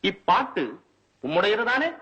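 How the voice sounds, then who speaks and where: A man's voice: high voice, lively intonation, measured pace, sharp tone, breathy edge, full character voice, rough recording. A man playing a stern, proud older male court poet, formal and lecturing, in a comic scene reenactment.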